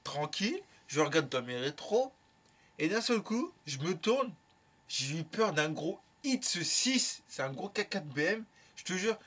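Young male vlogger, bright and a bit high, tells a rambling anecdote full of slang and curses. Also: husky. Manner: lively, slangy, swears freely. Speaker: YouTuber. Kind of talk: casual storytelling.

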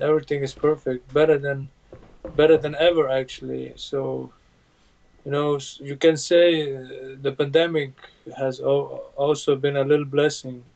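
A man from Bosnia, a native Bosnian speaker, speaks in a steady, flat tone. His answers stop and restart around fillers. The sound is dull and lo-fi, like webcam audio from a room at home. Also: a little high, creaky. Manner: plain halting speech with many fillers. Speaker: UFC fighter guest. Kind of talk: video call interview. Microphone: video call webcam. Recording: dull lo-fi video call audio.

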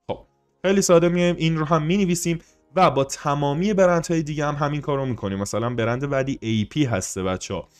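A man from hosts a casual screen-recorded tutorial, talking straight to his viewers as "guys" and filling pauses with "uh". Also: medium pitch, smooth. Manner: casual, addresses viewers as "guys", many "uh" fillers. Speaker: online money-making tutorial host.

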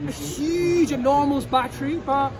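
A man in his thirties, hosting his channel in an indoor expo hall, talking excitedly in loose, rapid phrases. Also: very high-pitched. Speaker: channel host. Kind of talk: casual expo walkthrough. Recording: crowd noise behind.

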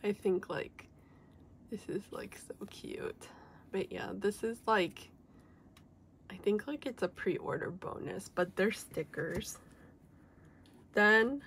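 A young woman chatting casually through a collectibles haul video, full of "like" and "um", her voice a little off because she is sick. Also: medium pitch. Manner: chatty, many fillers like "like" and "um". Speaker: K-pop collector vlogger. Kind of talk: casual unboxing chat.

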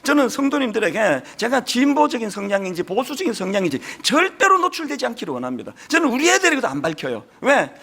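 A man's voice: very high-pitched, sharp tone. A middle-aged male pastor with a strong Gyeongsang Korean accent, preaching a sermon in an earnest, emphatic way. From Gyeongsang region, South Korea.

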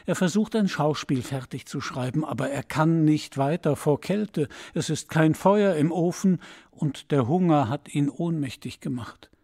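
A man narrating a fairy tale for an audiobook in a calm, measured way. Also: a little high.

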